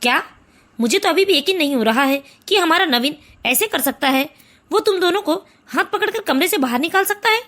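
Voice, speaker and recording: An older family father in a cartoon story. He speaks calmly and asks puzzled questions, pitched lower than her usual voice yet still high and bright. The tone stays measured and firm. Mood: disbelieving. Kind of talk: animated family story voice acting.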